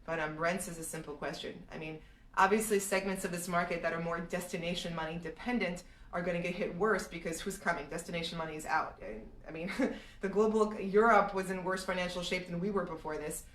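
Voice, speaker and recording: A woman's voice: on the low side, steady tone, a little fast, fairly bright tone, recorded from a distance. A woman from Serbia answering viewers' market questions in a live stream, thinking aloud with frequent restarts. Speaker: real estate analyst answering viewer questions. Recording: echoey room, voice a bit off-mic.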